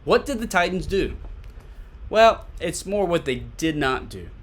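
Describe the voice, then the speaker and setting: Man, fairly high-pitched voice, casual sports commentary, podcast host, conversational, repeats himself for emphasis. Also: sing-song, a little slow. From Tennessee, USA.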